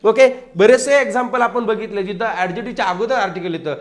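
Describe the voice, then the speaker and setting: High, lively male grammar teacher. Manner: lively, asks and answers his own questions; slows right down to read English example sentences. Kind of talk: classroom-style grammar lesson.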